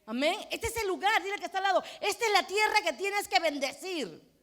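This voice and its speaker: High-voiced woman pastor preaching. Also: lively intonation, a little fast. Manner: passionate preaching, swinging from hushed prayer to loud fervent cries. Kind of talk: sermon.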